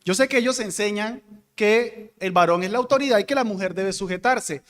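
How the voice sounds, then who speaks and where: High-pitched guy leading bible class, asks the group stuff then answers it, echoey hall. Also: a little fast, a bit bright. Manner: explanatory, asks the class questions and answers them. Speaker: deacon teaching Bible class.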